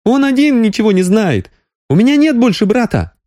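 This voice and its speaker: A man voicing a tearful, spirited young woman doctor in an audiobook, his voice pushed up high and emotional. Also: very animated, moderate pace, warm tone, no echo, studio quality. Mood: agitated. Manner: raised falsetto-like voice, sobbing, emotional. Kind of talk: audiobook character reading.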